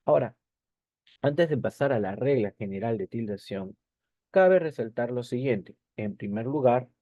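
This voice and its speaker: Male teacher, mellow tone, dry close sound; patient lesson delivery with repeated checks. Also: medium pitch, lively intonation, moderate pace, no echo, dull audio. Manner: repeats key points with tag questions. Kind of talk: recorded language lesson over slides.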